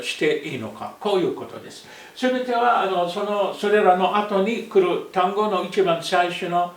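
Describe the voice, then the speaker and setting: A man, a non-native speaker whose first language is Arabic, teaching a language lesson and slowly repeating phrases with frequent self-corrections. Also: sits high. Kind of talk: slow, repetitive language lesson, mixing English and Japanese. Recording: echoey room, voice far from the mic.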